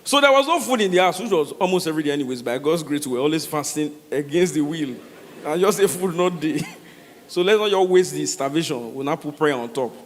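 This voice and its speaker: A Nigerian man performing comedic stories to a live audience, animated, slipping into Pidgin and acting out dialogue. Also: a little high, fairly quick. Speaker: stand-up comedian. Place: large hall with a stage. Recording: echoey hall, noisy live sound.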